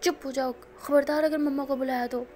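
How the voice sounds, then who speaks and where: A woman voicing a hot-tempered but loving young college woman, with a sharp, scolding way of talking. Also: high voice, fairly even intonation, brisk, natural voice. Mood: angry.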